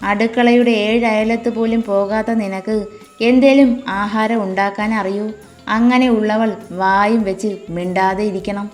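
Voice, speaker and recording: A stern old grandmother scolds bluntly, as a woman narrator voices her, staying close to the narrating voice. Quiet music plays under this storybook reading. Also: mid-range voice, fairly even intonation, normal speed, close to an everyday voice.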